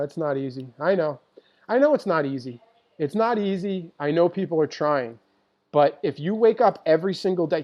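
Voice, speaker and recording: Dog trainer guy going live off his computer, kinda high voice, gets fired up and says stuff twice. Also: dull audio. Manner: passionate, emphatic, repeats points. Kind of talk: live-streamed talk to viewers. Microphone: computer mic for a live stream.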